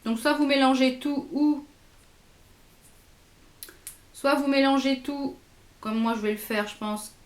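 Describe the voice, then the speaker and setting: A woman's voice: on the high side, reverberant. A woman vlogger chatting casually and hesitantly through a makeup haul, swatching products as she goes. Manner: chatty, hesitant with many fillers, swatching products on her arm. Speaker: beauty vlogger.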